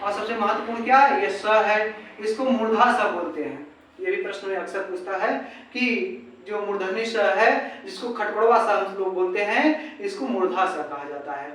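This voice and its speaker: A woman's voice: mid-range voice, normal speed. A woman teaching an exam-prep grammar lesson who keeps asking rhetorical questions, repeats herself and sounds out letters one by one. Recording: very echoey room, far from mic.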